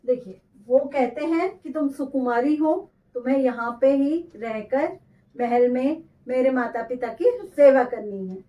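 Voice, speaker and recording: A woman teaching Hindi grammar, explaining lines of verse slowly and carefully and repeating them. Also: high voice, far from the mic, muffled recording. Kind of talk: explaining poetry examples in a lesson.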